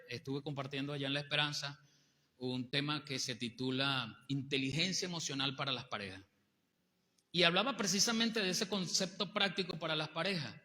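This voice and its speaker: A male pastor, preaching a sermon with animated rhetorical questions to the congregation. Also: a little high. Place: church hall. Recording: long hall reverb.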